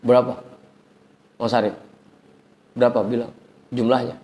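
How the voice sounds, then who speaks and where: A man teaching an informal religious lesson, chanting Arabic phrases slowly, then explaining in a chatty, teasing way. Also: medium pitch, little pitch movement, warm tone, a little hiss or hum. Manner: chatty, teasing the audience, colloquial asides. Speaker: ustadz teaching a religious study circle.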